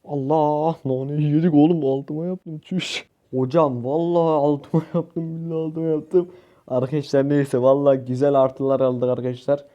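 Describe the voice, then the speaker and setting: A young man from Turkey, a gaming YouTuber giving excitable live gameplay commentary, shouting at teammates and repeating words rapidly. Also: a little high, lo-fi sound.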